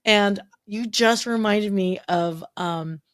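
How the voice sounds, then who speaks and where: A woman's voice: mid-range voice, slow pace, smooth. Chatty woman podcast co-host. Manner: chatty storyteller with frequent restarts. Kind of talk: casual chat.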